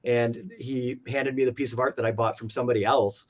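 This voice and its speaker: Speaking briskly in a mid-range voice with fairly even intonation, the interviewed comic art collector recounts stories in a casual, roundabout way, using plenty of informal fillers.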